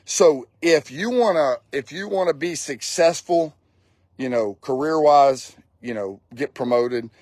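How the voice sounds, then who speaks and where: A man's voice: fairly high pitch, a little slow, a little mellow, dry recording. A man in his late forties giving a blunt, casual motivational talk as a fire service instructor, swearing freely and repeating lines for emphasis. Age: 40s.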